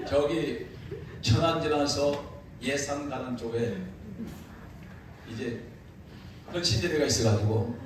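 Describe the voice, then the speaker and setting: A man preaching at a revival meeting, telling funny stories and laughing as he goes. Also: on the high side. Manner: animated, laughing through his anecdotes. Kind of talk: humorous revival sermon storytelling. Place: church sanctuary. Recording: echoey church hall, distant mic, room noise.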